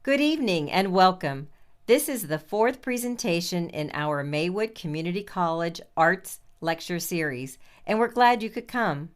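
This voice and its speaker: Clear, lowish-voiced woman reading formally. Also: lively intonation, normal speed. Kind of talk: scripted narration for listening practice.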